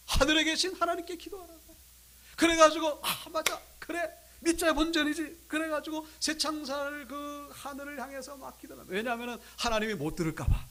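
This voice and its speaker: A male pastor tells a story from the pulpit in a high, lively voice that leaps up and down in pitch. His tone is bright and forceful, and he drops to near whispers before rising again to loud, dramatic peaks. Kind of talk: sermon storytelling. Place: church sanctuary.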